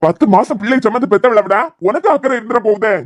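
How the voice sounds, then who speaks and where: Stern cartoon elder voiced by a woman, quick curt delivery, dry close sound, Kanyakumari accent. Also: on the high side, dry recording, natural voice. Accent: Kanyakumari Tamil. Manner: curt, telling others to shut up. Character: protective elder of the family, stern. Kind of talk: cartoon serial voice acting.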